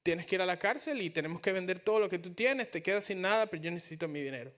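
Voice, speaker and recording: A stern male master from a spoken parable, as a preacher acts him out, with a fairly high voice. He talks firmly and then gently. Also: lively intonation, quick pace. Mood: demanding. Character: stern rich male master turned merciful king.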